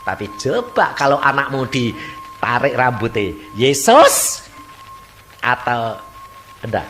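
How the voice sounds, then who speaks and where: Lively preacher man. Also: mid-range voice, takes it slowly, faint music behind, poor audio. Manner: lively preaching, mimics voices, asks the congregation. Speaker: pastor. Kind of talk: sermon.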